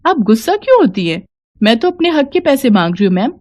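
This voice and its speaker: A woman's voice: a little high, big pitch swings, fairly quick, darkish tone, voice pushed up. A woman doing a poor pleading mother. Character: poor grieving middle-aged mother pleading for money.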